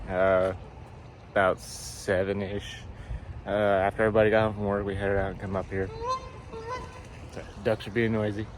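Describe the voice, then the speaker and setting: A man talking casually to camera as a family vlog host, recorded outdoors with some background noise. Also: lowish voice. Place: outdoors behind a hotel in the morning.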